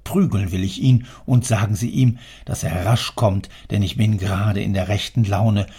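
A man voicing a gruff, domineering older male factory owner who scolds loudly and sarcastically. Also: fairly low pitch, moderate pace. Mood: scolding.

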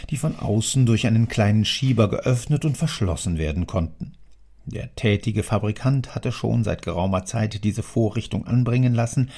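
A man reads classic prose aloud in a measured storytelling manner. His voice is low, dark and mellow, with a gravelly, husky edge. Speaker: narrator. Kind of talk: audiobook reading of classic prose.

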